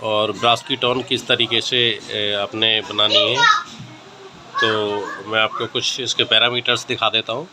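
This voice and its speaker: A man teaching how to set up a keyboard tone in a casual, hesitant tutorial, often pausing with filler sounds. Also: lowish voice, very animated. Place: indoor room with a keyboard. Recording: noisy home camera recording.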